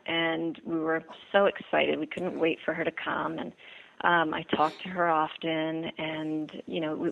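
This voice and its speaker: This is a woman from the Bahamas with a low, gravelly voice, heard by phone as she recounts her own story in an interview. She talks earnestly, stumbling with fillers and repeated words.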